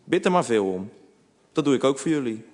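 A devout elderly woman speaks calmly and tenderly as a man narrates her. It is a children's storybook reading in a middle-pitched voice, wrapped in a long reverb. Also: a little fast, close to an everyday voice. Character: lonely elderly woman neighbor, gentle and devout.

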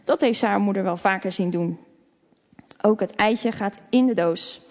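A woman reading a children's story aloud in a gentle, expressive way. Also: mid-range voice, normal speed. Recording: long reverb.

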